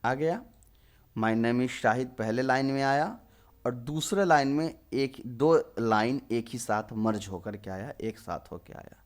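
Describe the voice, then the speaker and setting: At a measured pace and medium pitch, a young programming tutor in his 20s walks through a screen-recorded coding lesson. He breaks things down one step at a time, posing questions and then answering them himself.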